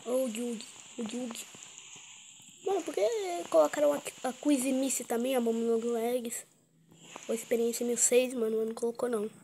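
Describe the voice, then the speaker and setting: A woman's voice: on the high side, steady tone, normal speed, creaky, mellow. A woman with a Brazilian accent giving casual, chatty gameplay commentary for her channel. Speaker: gaming YouTuber. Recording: noisy mobile game recording with clicks.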